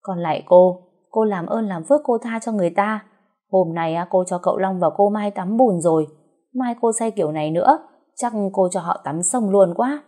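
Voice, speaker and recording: A woman's voice: mid-range voice, normal speed, dark tone, lightly acted. A woman voicing an anxious young servant girl who pleads and frets. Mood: fretful. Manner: pleading, fretful.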